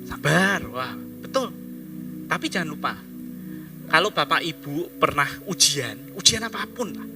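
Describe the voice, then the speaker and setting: A man's voice: on the high side, animated, unhurried, music in the background. A man preaching a sermon in a conversational way, talking straight to the congregation and now and then dropping his voice to a near-whisper. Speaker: pastor.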